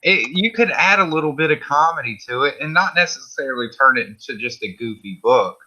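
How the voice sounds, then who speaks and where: A man's voice: mid-range voice, lively intonation, a little fast, sharp tone. A man hosting a casual stream chat, heated and opinionated, swearing freely. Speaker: stream host. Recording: dull lo-fi stream audio.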